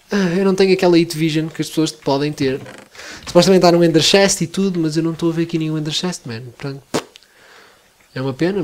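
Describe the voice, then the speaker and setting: A young man from Porto with a European Portuguese accent, chatting, joking and swearing casually as he narrates a Let's Play. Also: on the high side. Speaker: gaming YouTuber.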